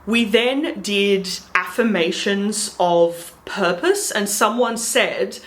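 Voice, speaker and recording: Slow, rambling young woman telling a story. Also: mid-range voice, fairly bright tone, poor audio. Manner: rambling, many ums and likes, earnest. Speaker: vlogger. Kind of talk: casual storytelling to camera.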